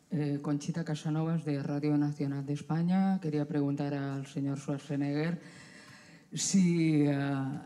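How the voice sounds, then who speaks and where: A woman's voice: low-pitched, mellow. A woman radio journalist asking a polite, lightly ironic question at a press conference.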